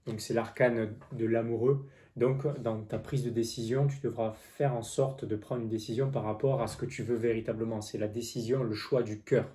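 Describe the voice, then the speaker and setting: A man's voice: mid-range voice, mellow. A man giving an informal tarot forecast straight to the viewer, explaining hesitantly with repeated phrases and a slight lisp on his s sounds. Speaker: tarot card reader.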